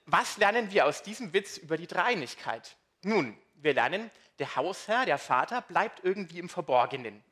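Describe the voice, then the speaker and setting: Male preacher, conversational sermon, slightly high, bright tone. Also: moderate pace, few pauses. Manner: lively, conversational, asks the congregation questions.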